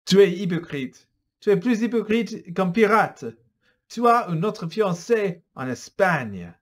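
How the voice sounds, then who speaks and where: A man's voice: high voice, lively intonation, a little slow, voice pushed up. A man doing a spiteful, accusing rival. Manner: raised, accusing.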